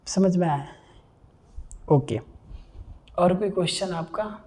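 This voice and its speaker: A man's voice: high-pitched, slow, darkish tone. A man teaching a live online vocabulary class, explaining patiently, repeating key words and checking that students understand.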